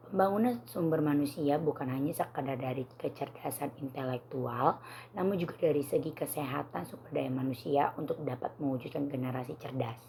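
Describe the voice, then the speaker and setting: A young woman presents in a formal, careful student style. Her voice is low and hoarse, with plenty of creak. Faint noise sits behind her. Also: dark tone. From Indonesia. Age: young adult.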